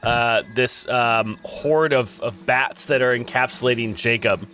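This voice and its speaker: A man narrating as dungeon master, with a halting manner full of fillers. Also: medium pitch, background noise. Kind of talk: narrating a tabletop game.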